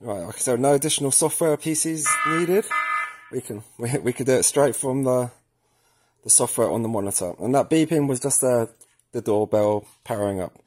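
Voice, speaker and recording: Here a man with a medium-pitched voice speaks at a moderate pace over some background noise. He's a product tutorial presenter at an indoor work table, filming his hands and the device while casually narrating each step and thinking aloud.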